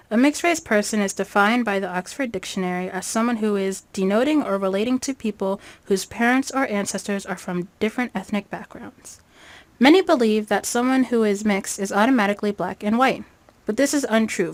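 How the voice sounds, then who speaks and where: A woman reading a scripted video narration in an even, informative way. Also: mid-range voice, no room sound.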